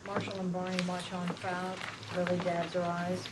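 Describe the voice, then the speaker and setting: At a table read, a woman reads the script's screen directions plainly and matter-of-factly. Her voice is on the low side and monotone at a normal speed, and the live room recording is very noisy.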